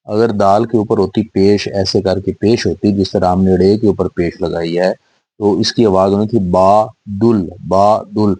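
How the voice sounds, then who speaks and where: A man with a low, mellow voice teaches small children, breaking each word into syllables and saying it again and again. His tone stays patient and steady. The recording is dry and close, with no room sound. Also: slightly rough, dry recording, low-quality recording. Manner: patient, repeats words syllable by syllable. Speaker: Urdu teacher for young children. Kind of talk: slow spelling-out lesson.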